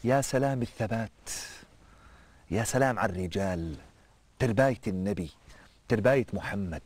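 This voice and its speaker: A male preacher, telling a story in a sermon with an animated, fervent delivery and colloquial asides. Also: on the low side, husky, dry recording.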